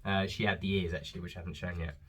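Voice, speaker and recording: A man's voice: deep voice, flat delivery, racing, a bit bright, a little hiss or hum. Chatty man rambling at home. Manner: chatty, rambling, frequent ums. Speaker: father showing holiday purchases. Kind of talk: casual haul vlog.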